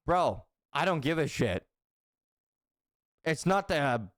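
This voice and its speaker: A man's voice: on the high side, no echo, studio quality. Profane young man telling stories casually. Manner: profane, repeats phrases, laughs while telling. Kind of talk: casual storytelling chat.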